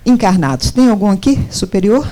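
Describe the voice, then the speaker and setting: Animated woman lecturing. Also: medium pitch, fairly quick. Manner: animated, questions the audience directly. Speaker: spiritist lecturer. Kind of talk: lecture to a live audience.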